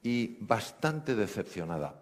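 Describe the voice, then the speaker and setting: A man's voice: fairly low pitch, big pitch swings, takes it slowly. A man voicing a fed-up, anxious woman patient who complains to her doctor. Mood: recounting. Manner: exasperated, complaining.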